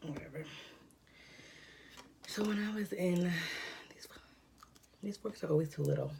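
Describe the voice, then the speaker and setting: A young woman with a low, gravelly voice chats at home while she eats for the camera. She rambles with plenty of ums and likes and breathes heavily from a cold. Her tone is dark and mellow, with a faint hiss underneath. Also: quick pace. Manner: rambling, filler-heavy, relaxed. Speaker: mukbang vlogger. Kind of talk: casual chat while eating. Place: at home indoors.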